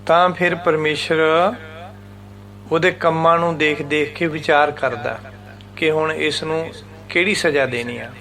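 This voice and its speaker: A man with a Punjabi accent teaching scripture, reciting each line slowly and then breaking down its pronunciation and meaning patiently. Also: on the high side, fairly even intonation, bright, forceful tone. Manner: slow, patient explaining, chants lines then repeats them syllable by syllable. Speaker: Gurbani teacher. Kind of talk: religious scripture lesson.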